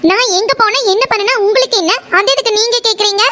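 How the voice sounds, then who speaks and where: A woman's voice: very high voice, quick pace, heavy background noise. Meena, a snappish young cartoon college girl voiced by a woman. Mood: snapping. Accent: Kongu Tamil (Coimbatore). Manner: snappish, scolding, dismissive. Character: sharp-tongued young college woman, quick to anger. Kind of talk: cartoon voice acting.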